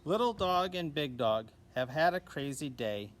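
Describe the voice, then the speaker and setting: Man, children's story read-aloud, unhurried, slightly high voice, gentle and expressive. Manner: slow, gentle, expressive reading with voiced dog lines. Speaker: teacher reading aloud.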